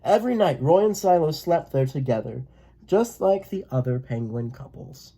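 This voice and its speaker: A person reading a children's picture book aloud in a gentle, expressive way. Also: medium pitch, normal speed, slight background noise. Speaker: read-aloud storyteller.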